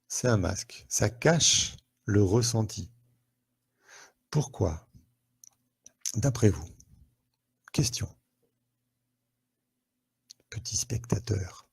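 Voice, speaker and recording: A man's voice: fairly low pitch, creaky, a little mellow, slightly rough. A French man, a therapist, hosting a live online talk to viewers, conversational and full of questions and fillers, on a headset mic.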